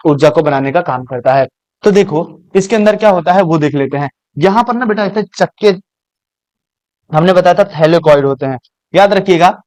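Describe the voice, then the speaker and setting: Guy teaching biology, high voice, keeps asking then answering his own questions, dry close sound. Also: darkish tone, no room sound. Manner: asks questions and answers them himself, calls students beta. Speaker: coaching teacher. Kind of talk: classroom biology lecture.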